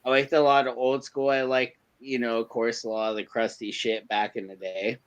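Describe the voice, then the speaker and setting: A man in his thirties from California, chatting casually in an excitable, rambling way with plenty of profanity. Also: mid-range voice, moderate pace, clean tone, lo-fi sound. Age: 30s. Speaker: podcast co-host. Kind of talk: casual chat.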